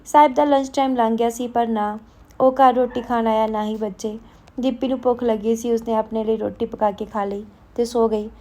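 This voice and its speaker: A woman tells a family story aloud in a fairly high voice. Her tone is mellow rather than bright. She reads each character in the same steady, earnest way. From Punjab.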